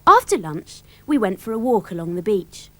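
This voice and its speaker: A woman with a British accent narrating a children's storybook in a lively, expressive way. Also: medium pitch, moderate pace, no room sound.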